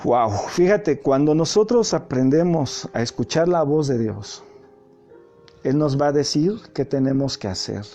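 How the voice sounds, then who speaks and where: A man's voice: medium pitch, dark tone. A man preaching a testimony sermon, earnest and speaking straight to the listener. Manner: earnest, direct address to listener. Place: home, livestream. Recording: muffled livestream audio with faint music.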